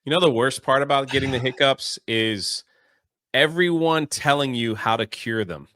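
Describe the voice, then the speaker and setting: A man co-hosting a casual talk show, easygoing and quick to laugh as he tells stories. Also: mid-range voice, pushed and bright, no echo, clean studio sound. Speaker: podcast co-host. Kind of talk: casual chat.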